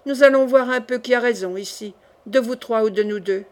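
A woman reading the part of a hot-tempered young male gentleman in an audiobook, indignant and blustering. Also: on the high side, fairly quick, close to an everyday voice.

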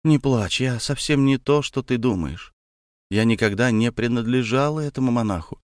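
A man reading an audiobook and voicing a tender, remorseful young wife who talks in a soft, pleading way. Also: mid-range voice, moderate pace, no room sound, clean studio sound, natural voice.

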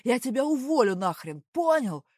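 A woman voicing an enraged male company director who shouts at an employee, his voice climbing with each phrase. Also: fairly high pitch, very animated, normal speed, husky, dry recording, studio quality, pitched above the performer's own voice. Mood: furious yelling.

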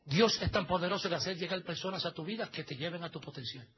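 A man preaching a sermon as pastor at a church service. He is emphatic, swinging between soft asides and loud exhortations. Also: high-pitched, fast talker, lo-fi sound, a little hiss or hum.

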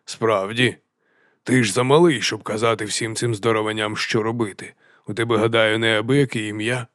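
A man voicing a fat, cheerful, half-mad male chieftain, drawling and sing-song, dropping to a hush and then booming. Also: steady tone, normal speed, dry recording, clean studio sound, natural voice. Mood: jovial, unhinged. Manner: drawling and sing-song, swinging between hushed and loud. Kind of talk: audiobook character voice.

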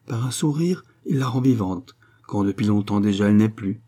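A man reading as a pompous middle-aged count who speechifies, pleased with the sound of his own words. The voice is dark and husky, a little raised, and rolls out grand phrases. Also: on the low side, normal speed, lightly acted. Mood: grandiloquent. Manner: grandiloquent, lecturing, full of himself.

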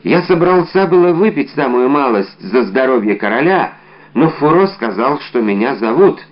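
A man's voice: medium pitch, very animated, moderate pace, dull audio, pitched above the performer's own voice. A man voicing a timid, frightened servant who speaks nervously and pleadingly to his master.

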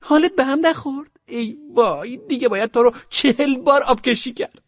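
A man's voice: extremely high pitch, fairly even intonation, dry recording, lo-fi sound, pitched above the performer's own voice. A man narrating an audiobook voices a fussy bride obsessed with cleanliness, who shrieks orders and scolds with disgust. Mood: disgusted scolding. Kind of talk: audiobook character voice.

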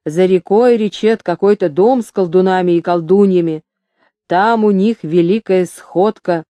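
A woman's voice: on the low side, a little slow, mellow, no echo, close to an everyday voice. A woman voicing a rash young nobleman in an audiobook, hasty and chattering. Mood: eager.

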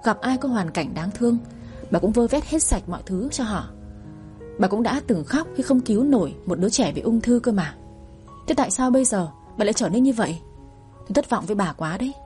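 A woman's voice: a little high, lively intonation, fairly quick, mellow, faint music behind, lightly acted. A woman storyteller voicing an angry middle-aged husband who scolds his wife in a spoken audio story. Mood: reproachful. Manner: reproachful, scolding.

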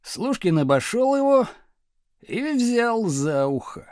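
A man narrating an audiobook in a lively, expressive reading manner. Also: high voice, takes it slowly, dry recording, studio quality.

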